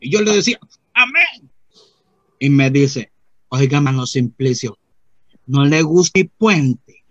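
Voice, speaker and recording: A man's voice: medium pitch, expressive, a little slow, a bit bright, no room sound, highs cut off. A man playing a naive rustic churchgoing man, telling a rambling comic story full of repeated "mire" and acted-out voices. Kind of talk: comic character monologue.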